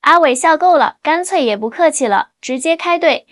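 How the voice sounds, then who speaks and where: A middle-aged woman matchmaker with a Guangdong accent, telling a story in a lively, exasperated way. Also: high voice, normal speed, no echo, clean studio sound. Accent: Guangdong Mandarin. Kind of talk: storytelling narration.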